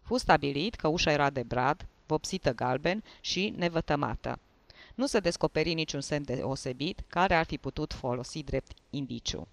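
Un bărbat care citește cu voce tare o povestire, în ritm măsurat, coborând glasul la finalul frazelor. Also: male voice, fairly high pitch, animated, vocal fry, no room sound. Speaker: narrator. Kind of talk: reading a story aloud.

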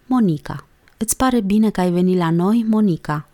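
Narrator doing a gentle anxious mother, soft and fussing, storybook. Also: medium pitch, lively intonation, close to an everyday voice.

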